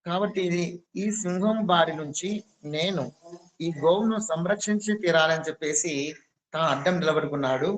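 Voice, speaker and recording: A male spiritual teacher tells a story in a devotional discourse, chatting with his listeners and stopping to ask them questions. His voice sits a little high for a man and stays relaxed and conversational. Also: moderate pace. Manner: conversational, quizzes the audience.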